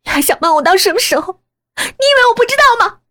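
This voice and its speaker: A woman voicing a distraught young daughter who screams accusations in a shrill, hysterical voice. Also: sing-song, fast talker, fairly bright tone, exaggerated voice. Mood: hysterical accusing.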